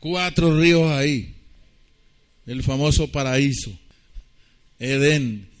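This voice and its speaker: A male pastor delivers a sermon in a church. He talks in a loose, conversational way, putting questions to the congregation and slowly spelling out words for them. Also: medium pitch.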